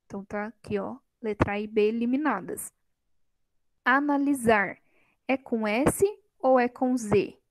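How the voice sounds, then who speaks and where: A woman teacher leads a classroom grammar lesson on a microphone. Her voice sits somewhat high and moves at an unhurried pace. The sound is dry, and she keeps quizzing her students with a light teasing touch. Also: dry recording, low-quality recording. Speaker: Portuguese teacher.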